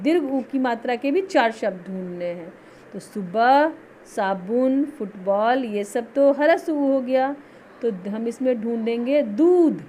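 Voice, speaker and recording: A woman teacher speaks in a slightly raised pitch, patiently explaining and repeating words slowly. Her lesson sounds like an online school recording, with a faint hiss in the background. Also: darkish tone. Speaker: Hindi teacher.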